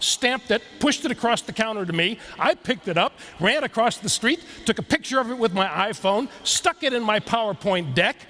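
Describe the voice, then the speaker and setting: A man giving a keynote talk, telling a story and leading the audience in drills. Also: high-pitched. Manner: animated, leads audience drills. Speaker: keynote speaker. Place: large hall before a live audience.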